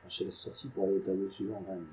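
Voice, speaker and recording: A man talks through a game at his home computer, rambling, joking at his own expense and muttering asides. His voice sits fairly low and sounds mellow and relaxed rather than bright. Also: rapid-fire, slight background noise. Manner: chatty, self-mocking, mutters to himself. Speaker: gaming YouTuber. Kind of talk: casual gameplay commentary.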